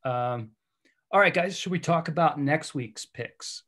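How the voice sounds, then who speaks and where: A man's voice: on the high side, unhurried, a bit bright. A hungover man chatting in an easygoing, jokey way as host of a film podcast on a video call. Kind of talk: casual film podcast chat.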